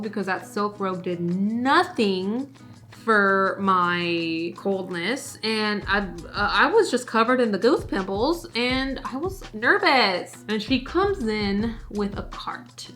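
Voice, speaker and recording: Chatty young woman vlogging her story. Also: medium pitch. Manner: chatty, animated, addresses viewers as guys; tells the story while doing her makeup. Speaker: beauty vlogger. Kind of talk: casual storytelling to camera.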